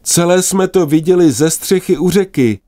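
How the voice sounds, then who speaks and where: A man's voice: high-pitched, mellow, no echo, clean studio sound, voice pushed up, lightly acted. A man voicing a young female magpie calling out to her sister. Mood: eager. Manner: calling out urgently.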